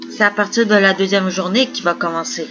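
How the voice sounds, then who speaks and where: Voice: mid-range voice, fairly even intonation, brisk, over music. A person chatting casually while playing a co-op video game. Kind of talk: casual gaming chat during co-op play. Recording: dull lo-fi audio, other voices behind. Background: other people talking.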